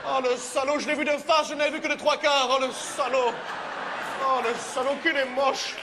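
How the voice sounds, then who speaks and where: An actor playing a pompous, touchy playwright who bursts into melodramatic wails in a stage comedy sketch. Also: male voice, extremely high pitch, little pitch movement, moderate pace. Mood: wailing. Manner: melodramatic wailing outbursts. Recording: live stage with audience noise. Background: audience laughter.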